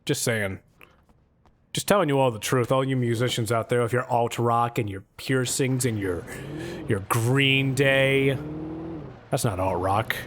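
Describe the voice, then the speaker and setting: A man's voice: medium pitch, unhurried, fairly bright tone, a little hiss or hum. A young adult man streaming a game live, rambling through sarcastic, profane jokes as he plays. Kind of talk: live gameplay commentary.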